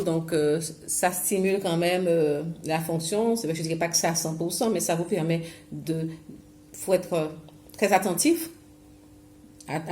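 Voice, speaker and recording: A woman's voice: fairly low pitch, dark tone. A woman from Guadeloupe leading a memory and movement exercise for seniors at home. She talks in a chatty, hesitant way, full of fillers and restarts, and films herself on a camera mic. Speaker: senior fitness and memory instructor. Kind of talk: instructional talk to seniors at home. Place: home, self-filmed.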